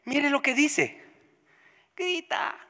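A preacher delivering an emphatic sermon, repeating phrases and swinging between loud declarations and hushed asides. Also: high voice, big pitch swings, very slow. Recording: long hall reverb.

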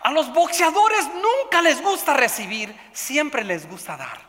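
A man preaches in a church sanctuary, his bright voice rising to loud emphatic peaks and sinking into hushed stretches. He often repeats words as he searches for the next thought. The sound carries a long hall reverb. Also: sing-song, a little slow. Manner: swings between loud emphatic outbursts and hushed low passages. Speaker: pastor. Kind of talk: sermon.

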